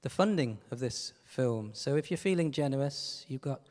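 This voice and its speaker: A man hosting a live event on stage and making friendly, brisk announcements. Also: medium pitch, animated, darkish tone. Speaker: event host. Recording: long hall reverb.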